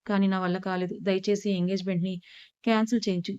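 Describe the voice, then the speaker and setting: A woman's voice: medium pitch, little pitch movement, fast, mellow, smooth, dry recording, lo-fi sound, close to an everyday voice. A woman reading the part of a heartbroken, ashamed young woman who pleads through tears. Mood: grieving. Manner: tearful, pleading.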